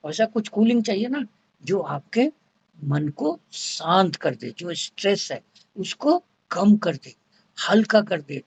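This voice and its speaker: A man with a gravelly, creaky voice gives a homeopathy lesson, explaining one idea through a run of near-synonyms. The sound is dull and lo-fi, with no room echo, as if recorded close in a small, dead space. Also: a little mellow. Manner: repeats points with strings of synonyms; acts out patients' complaints in a lower voice. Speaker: homeopathy teacher. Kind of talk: explanatory lecture.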